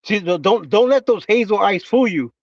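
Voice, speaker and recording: Rambling high-voiced man chatting on a livestream. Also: animated, no room sound, recorded from a distance, muffled recording. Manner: rambling, halting with many fillers and restarts. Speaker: livestream host. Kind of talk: casual livestream chat.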